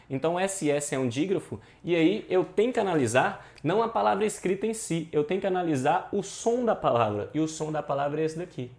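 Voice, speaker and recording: Homem professor, gírias mineiras. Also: male voice, fairly high pitch, a little mellow. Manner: casual, slangy, emphatic teaching. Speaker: teacher. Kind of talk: exam prep lesson.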